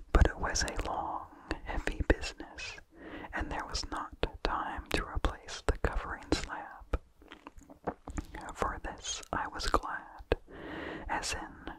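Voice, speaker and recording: Captured in a rough recording, a narrator whispers a vintage horror story for ASMR in a breathy, fully unvoiced voice. The phrasing is slow and carefully measured. Mouth sounds slip in from the close microphone.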